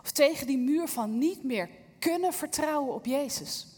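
A woman's voice: high-pitched, lively intonation, normal speed, a little mellow, in a large hall. A woman giving an earnest, reflective sermon, speaking straight to the listener and reading a Bible passage aloud. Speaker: preacher.

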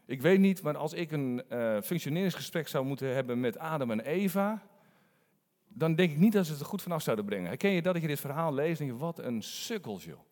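A man preaching a sermon in a conversational, animated storytelling manner. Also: on the high side, brisk, in a large hall.

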